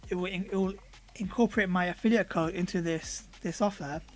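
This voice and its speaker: A hoarse, high-pitched man talks fairly quickly through a software demo over his screen recording, reviewing the product. He stays relaxed and conversational, pausing often with ums and uhs as he clicks through the menus.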